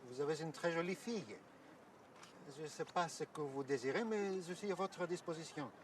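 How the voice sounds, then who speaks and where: An actor playing a courteous, explanatory Orthodox priest who guides visitors outdoors, hesitating now and then with fillers. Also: male voice, a little high, normal speed, distant mic, noisy background, lightly acted. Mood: calm. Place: outdoors at an ancient site.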